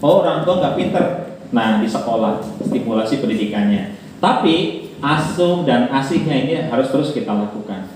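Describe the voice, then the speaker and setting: A man's voice: mid-range voice, moderate pace. Male seminar speaker addressing parents, picked up from a distance in a very echoey hall. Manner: lively, asks the audience questions and jokes. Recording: echoey hall from far off with faint noise.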